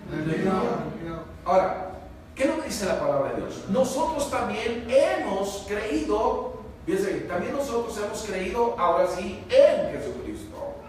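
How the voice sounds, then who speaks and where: A man, a pastor preaching a sermon emphatically, swinging between loud rises and low hushed lines, often asking the congregation for agreement. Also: sing-song, measured pace, crowd noise. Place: church hall. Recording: echoey church from far off.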